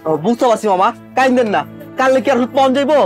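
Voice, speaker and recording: A brisk urging rickshaw puller. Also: male voice, very high-pitched, a little mellow, soft background music. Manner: coaxing, dialect words. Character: helpful rickshaw puller with rough local speech.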